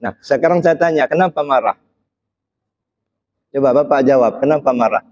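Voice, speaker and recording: Here a man preaching Islam talks at normal speed with a medium-pitched, darkish tone. He questions his audience and urges them to reply, punctuating his phrases with frequent brief "ya" checks, all captured on a somewhat dull, muffled recording.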